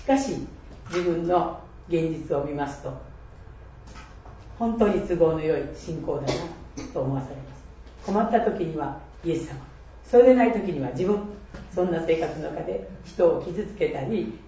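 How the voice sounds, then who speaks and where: Earnest older woman in her 60s, sharing her faith, soft mellow voice, far off the mic in a big echoey church, faint hiss. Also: fairly low pitch. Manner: earnest, reflective, quotes scripture, laughs at herself. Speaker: church member giving testimony. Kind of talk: personal faith testimony. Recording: echoey and distant, dull with faint noise.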